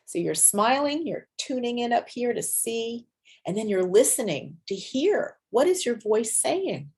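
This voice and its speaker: A middle-aged woman teaching intuition in a gentle, encouraging way, acting out the inner voices she describes. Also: a little high, big pitch swings, measured pace, slightly rough. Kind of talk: spiritual teaching talk.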